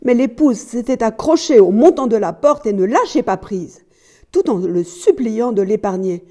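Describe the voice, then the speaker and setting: A woman reads a tale aloud with a mellow, warm voice. Her delivery is calm and measured, an unhurried storyteller. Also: a little high. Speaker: reader.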